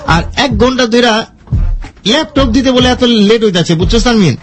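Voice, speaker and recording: Man with an Old Dhaka dialect, very high pitch, comic radio host who jokes around. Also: moderate pace, soft background music. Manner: joking, playful, teasing. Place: radio studio.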